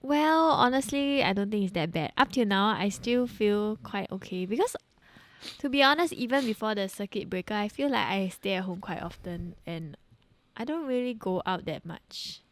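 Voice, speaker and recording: A woman's voice: medium pitch, expressive, moderate pace. A woman co-hosting a casual podcast, cheerful and earnest, with plenty of "like" and giggles. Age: 20s. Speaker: podcast co-host. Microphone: studio podcast mic.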